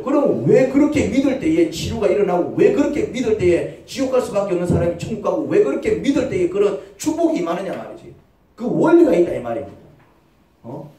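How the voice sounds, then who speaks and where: A pastor with a mellow, high-sitting voice preaches in a church sanctuary, firing off rhetorical questions and acting out brief quoted voices. He sounds far from the mic in an echoey church hall.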